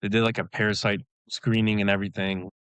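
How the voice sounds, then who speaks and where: Low-voiced guy chatting easy on a podcast, lots of "like"s, dry close sound. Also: fast talker, smooth, no echo, lo-fi sound. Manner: relaxed storytelling, many "like" fillers, laughs often. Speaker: guest, elite runner. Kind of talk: casual interview chat.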